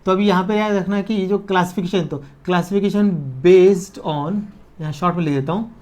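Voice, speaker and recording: A man teaching a chemistry lesson at a board, dictating notes slowly word by word and checking that students follow, with in the technical terms. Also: high-pitched, fairly even intonation, darkish tone. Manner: slow dictation, drawn-out words, frequent checks for understanding.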